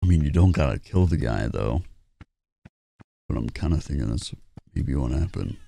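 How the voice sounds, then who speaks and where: A man's voice: very deep voice, expressive, normal speed, creaky, mellow, a little hiss or hum. A man giving casual, joking let's play commentary, swearing freely. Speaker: gaming streamer.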